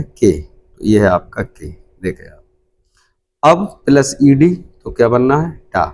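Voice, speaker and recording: A middle-aged male English teacher with an Indian Hindi accent talks at a very slow, deliberate pace. His pitch sits in an ordinary middle range, and he repeats each word several times as he explains it. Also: a little mellow. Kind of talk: pronunciation lesson.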